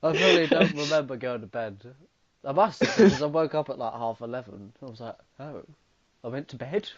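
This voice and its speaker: A man's voice: mid-range voice, expressive, fairly quick, crowd noise. A young man with an Irish accent co-hosting a podcast, cracking dry jokes and hesitating with fillers. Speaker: podcast co-host. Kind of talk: casual chat. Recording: dull lo-fi dry sound.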